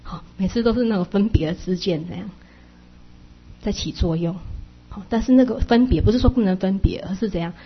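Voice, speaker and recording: A woman giving an explanatory Buddhist dharma talk, chatty and full of soft sentence-ending particles. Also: medium pitch, brisk, husky, highs cut off.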